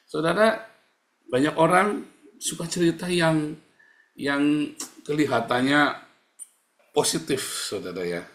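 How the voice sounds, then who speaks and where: A man's voice: a little high, takes it slowly, pauses often, fairly bright tone. A middle-aged man preaching a live-streamed sermon, repetitive and exhorting, who keeps calling his listeners "saudara". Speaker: pastor. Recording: echoey room.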